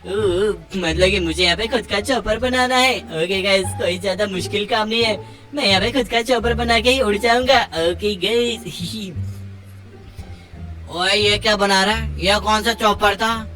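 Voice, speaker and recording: Loud, teasing male game commentator. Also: high-pitched, normal speed, faint music behind, rough recording. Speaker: gamer commentator. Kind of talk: casual gameplay commentary.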